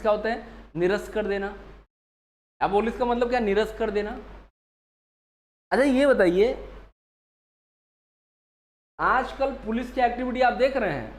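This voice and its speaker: A male teacher giving an online exam-prep vocabulary lesson, drilling students with repeated rhetorical questions. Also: high voice. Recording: echoey room, faint background hiss.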